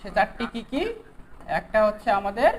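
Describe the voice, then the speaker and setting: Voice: mid-range voice, normal speed, poor audio. Teacher quizzing students. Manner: quizzes students, keeps asking "okay?". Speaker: grammar teacher. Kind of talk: online exam-prep lesson.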